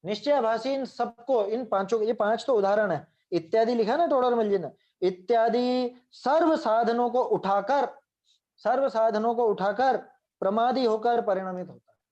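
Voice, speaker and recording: A man's voice: very high-pitched, moderate pace, darkish tone, highs cut off. A man giving a religious scripture lecture. He explains at length and keeps checking in with his listeners through short tag questions. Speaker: scripture teacher.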